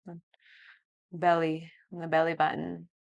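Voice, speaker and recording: A woman with a lowish voice guides a yoga relaxation in the manner of a sleep story narrator. She speaks very slowly and softly, leaving long pauses between short phrases. Her intonation stays level and soothing throughout. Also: monotone, creaky, muffled recording. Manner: soothing, slow, hushed delivery with long pauses. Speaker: yoga teacher.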